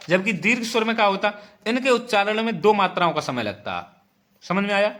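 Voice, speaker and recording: Guy teaching grammar for exam prep, bit high voice, keeps repeating stuff and asking the class questions. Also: a bit bright. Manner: explains patiently, repeats points and asks the class questions.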